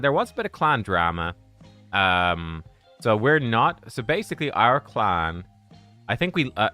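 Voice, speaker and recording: A young man hosts a casual live stream, rambling through chat and laughing as he talks. His voice is bright and swings widely in pitch. Faint music plays behind him. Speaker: game streamer.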